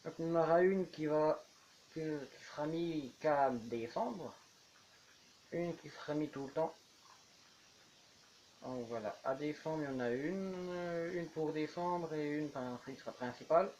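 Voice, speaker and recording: A man's voice: fairly high pitch, a little slow, darkish tone, lo-fi sound, slight background noise. A man chatting casually while building in a game, rambling on as he goes. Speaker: YouTuber. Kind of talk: casual gameplay commentary.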